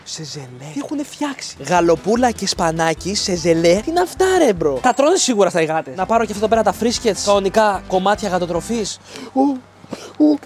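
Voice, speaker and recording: High-voiced young man, playful vlogger. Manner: animated, playful exaggeration. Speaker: vlogger host. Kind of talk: casual vlog commentary. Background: background music.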